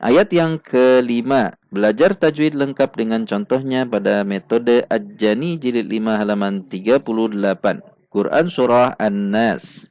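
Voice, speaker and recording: A man leads a slow, step-by-step recitation lesson, his gravelly voice recorded close and dry. He sounds out each syllable with care and repeats it until it is exact. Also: medium pitch, a little mellow, no echo. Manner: patient, repeats syllables slowly and precisely. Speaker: Quran recitation teacher.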